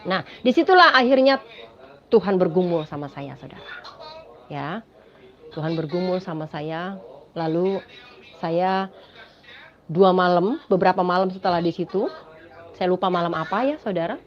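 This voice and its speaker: Animated woman telling a dramatic testimony. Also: fairly low pitch, moderate pace, long pauses. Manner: dramatic, addresses listeners as "Saudara". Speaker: testimony speaker. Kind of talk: spoken personal testimony. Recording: dull lo-fi recording.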